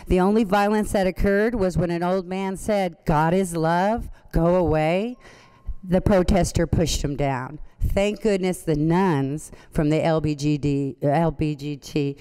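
A woman's voice: lowish voice, measured pace, dark tone, smooth. A middle-aged woman giving an earnest, somewhat nervous public comment at a city council meeting, speaking into a podium microphone in a large chamber. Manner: earnest, pleading, a little nervous. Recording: long hall reverb from the chamber.

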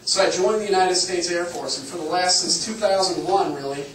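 A man in his thirties from Illinois addresses a town hall crowd in an earnest, direct campaign speech. His voice sits a little high for a man. He sounds far from the microphone in a roomy, echoing space with a faint hum of ambience. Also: a little fast, fairly bright tone. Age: 30s. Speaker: congressional candidate. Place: public meeting room. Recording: echoey room, far from the mic, faint ambience.

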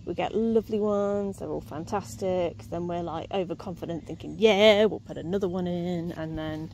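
Filming off-screen on a handheld phone, a woman chats her way through a casual tour of her allotment garden, mocking herself and laughing easily. Her voice is fairly low and darkish, at a moderate pace. The outdoor recording is rough, with faint ambience and slight background noise.

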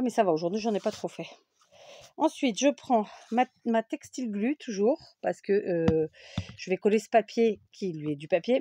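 A woman's voice: mid-range voice, warm tone, slight background noise. A woman hosting a casual scrapbooking tutorial, chatty and full of fillers, correcting herself as she works at a craft table.

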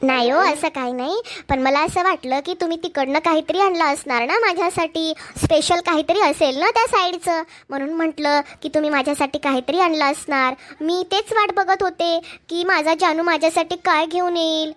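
A woman's voice: very high voice, normal speed, hardly any pauses, a bit bright. A woman voicing a sweet-talking young girlfriend who coaxes her lover into shopping, with a Marathwada Marathi accent. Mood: coaxing. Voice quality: coaxing, wheedling.

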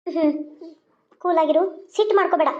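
A woman voicing a caring young doctor, the gentle and pleading elder sister in a homemade cartoon drama. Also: very high-pitched, fairly quick, lo-fi sound. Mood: confiding.

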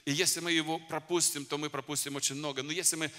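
A man's voice: on the high side, flat delivery, fast, pushed and bright. A man preaching a sermon at a conference, exhorting his listeners fervently. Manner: fervent, exhorting address to the congregation. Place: conference hall. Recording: long hall reverb.

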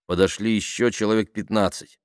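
A man reading a short story aloud as an audiobook narrator, with expressive storytelling. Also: fairly low pitch, brisk, clean tone, dry recording, clean studio sound. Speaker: audiobook reader. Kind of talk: scripted narration.

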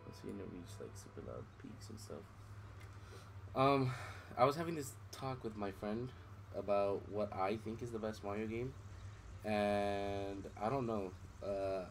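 With game music in the background and slight noise, a young man gives casual gameplay commentary while streaming. His lowish voice keeps a measured pace as it recovers from strain, and he rambles, loses track of his thoughts, and swears offhandedly.

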